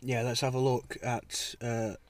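A man's voice: medium pitch, little pitch movement, measured pace. A British man co-hosting a casual sports podcast in a car park, talking informally and a little hesitantly. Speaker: podcast co-host. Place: car park, recording on location.

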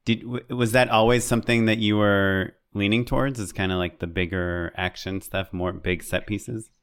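A man's voice: on the low side, steady tone, normal speed, clear, resonant tone. A male host asking casual, chatty interview questions padded with fillers. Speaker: podcast host.

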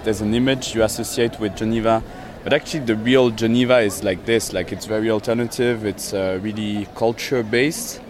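A musician from Sierra Leone chatting in a relaxed, easygoing way outdoors by a river, with fillers. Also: male voice, fairly low pitch, fairly quick, hardly any pauses, crowd noise. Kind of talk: casual chat.

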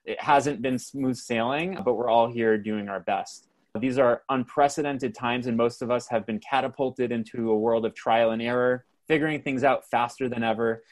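Male moderator, mid-pitched, steady and formal, video-call sound. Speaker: host and moderator. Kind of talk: scripted introductions and interview questions.

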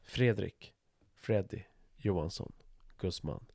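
Gravelly man in frank, confessional chat. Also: low-pitched, mellow, dry recording, studio quality. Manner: frank and confessional, swears freely, hesitant restarts. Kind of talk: candid casual conversation.

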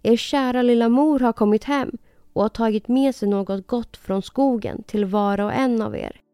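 A woman's voice: on the high side, dark tone, clear, resonant tone, no echo, clean studio sound, close to an everyday voice. A woman doing a sly big bad wolf. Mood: coaxing. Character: cunning big male wolf faking a mother.

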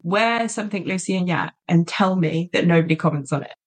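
A woman's voice: lowish voice, fairly quick. A woman co-hosting a podcast, chatting casually and eagerly, with lots of "like" in her speech. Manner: chatty and enthusiastic, peppered with "like". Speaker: podcast co-host. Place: lives in a small market town in south-west England.

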